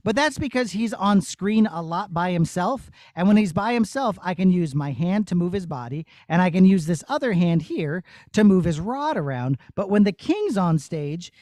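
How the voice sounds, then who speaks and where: A high-pitched, slightly mellow male voice belongs to a puppeteer showing children his puppet show with a demonstration and Q&A in a theatre studio. He breaks things down step by step in child-friendly language, recorded with studio quality and no room sound.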